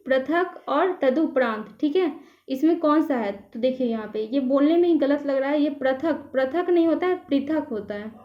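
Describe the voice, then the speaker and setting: Woman teacher, high voice, patient step by step exam prep, echoey classroom, kinda muffled. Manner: patient, checks each option in turn, adds "ठीक है". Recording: echoey room, slightly dull sound.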